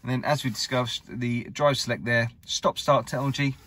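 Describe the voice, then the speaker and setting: In an indoor showroom, a car dealer walks around a used car and films it on a handheld camera, chatting in upbeat sales patter. His mid-range voice is steady and fairly bright, at a normal speed.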